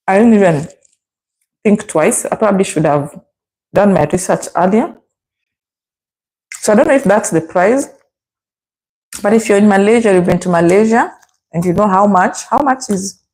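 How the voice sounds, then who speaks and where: A woman's voice: medium pitch, a little slow, long pauses, darkish tone, rough recording. A woman with a Kenyan accent chatting casually as a travel vlogger, giving practical tips and checking in with the listener. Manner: conversational, checks in with "yeah?" and "okay?".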